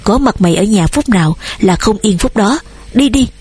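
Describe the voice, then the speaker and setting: Woman voicing old dad yelling at his son, breathy husky voice, storybook reading. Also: medium pitch, expressive, moderate pace. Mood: furious. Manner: shouting, shaking with rage. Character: old father, furious and failing.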